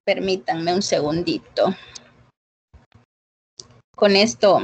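A woman with a lowish, slightly mellow and slightly rough voice takes her time, and the recording sounds muffled. Using a computer mic on a video call, she teaches a casual online English class on grading, chatting with fillers and checking in with her students.

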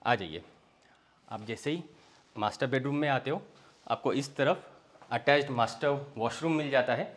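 A man's voice: medium pitch, moderate pace. Man, young adult, real estate walkthrough, inviting sales tone, indoors, phone camera. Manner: friendly sales patter, inviting viewer along. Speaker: real estate tour host. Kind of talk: property walkthrough. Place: indoors, large villa interior, walking room to room.

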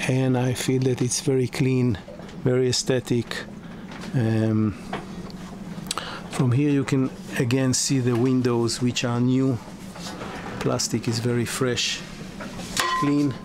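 Slow-talking man touring a sailboat. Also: medium pitch, flat delivery. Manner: halting, many fillers and restarts. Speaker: yacht broker. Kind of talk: walkthrough tour. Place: inside a sailboat cabin. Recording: noisy ambience.

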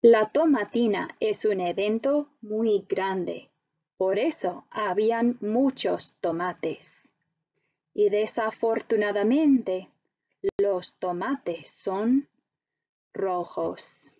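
Very slow, expressive woman teacher. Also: medium pitch, highs cut off. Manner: very slow, deliberate, expressive storytelling. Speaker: language teacher. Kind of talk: slow story narration for learners.

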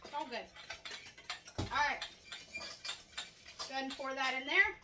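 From a camera across the counter, an echoey, distant kitchen recording catches a woman in her thirties hosting a laid-back home cooking show. Her voice sits high and unhurried, and the sound is very noisy. She stays chatty and upbeat while explaining every step.

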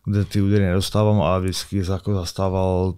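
Man, low voice, dry close sound, stumbles and repeats words, casual interview answers, from Czechia. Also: flat delivery, dark tone, clear, resonant tone, no echo. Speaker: MMA fighter, guest.

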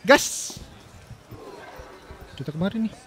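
A playful young man from Indonesia gives joking commentary while he plays. He teases and laughs often. His voice is high and bouncy, and he takes his time. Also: expressive, takes it slowly, fairly bright tone, breathy edge. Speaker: gaming YouTuber.

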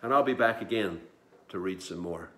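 A man around sixty reads children's poems aloud in an expressive storytelling manner, as if to a toddler. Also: deep voice, moderate pace. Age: middle-aged to older, about 60. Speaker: poetry reader for children. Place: living room at home, indoors. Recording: echoey room, device microphone.

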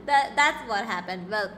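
A woman's voice: mid-range voice, a bit bright, slight background noise. A woman streaming a game live, chatting casually and giggling with her viewers.

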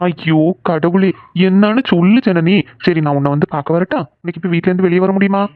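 A young cartoon boyfriend who is gentle and pleading, talking quickly in a slightly high voice, as a man voices him. The sound is narrow and phone-like, with no room echo. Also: natural voice. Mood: soothing. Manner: soothing and pleading. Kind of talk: cartoon voice acting.

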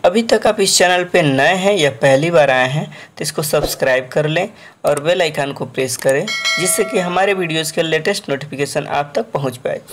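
Male teacher, fairly high voice, explaining word meanings, repeats each word, checks in with students. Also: a little hiss or hum. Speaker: English teacher. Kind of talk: Hindi-language lesson explaining English vocabulary.

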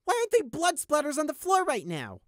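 A man voicing a bitter, bloodthirsty young male sheep in an audiobook, talking with shrill, spitting contempt. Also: level tone, takes it slowly, bright, forceful tone, no echo, studio quality, full character voice. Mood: furious.

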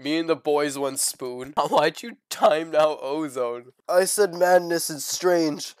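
A young man who is sick, streaming a game, swearing a lot and breaking into excited shouts. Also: fairly high pitch, takes it slowly, no echo. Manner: profane, swings into excited shouting. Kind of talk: gaming livestream commentary. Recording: game music playing loudly behind. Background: game music.

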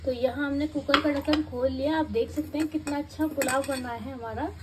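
Lady cooking vlogger, high voice, chatty step by step, noisy kitchen phone recording. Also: steady tone, fairly quick. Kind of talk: home cooking demonstration. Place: home kitchen.

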